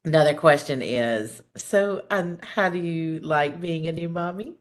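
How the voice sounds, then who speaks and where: A woman's voice: low voice, unhurried. A woman hosting a podcast interview, affirming her guest and tossing in sassy asides. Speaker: podcast host. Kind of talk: casual chat.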